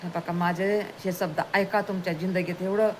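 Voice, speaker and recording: A woman's voice: fairly low pitch, steady tone, normal speed, a little mellow, a little hiss or hum. A woman telling a moral story as a sermon, repeating her phrases and calling her listeners children, with devotional chants and blessings.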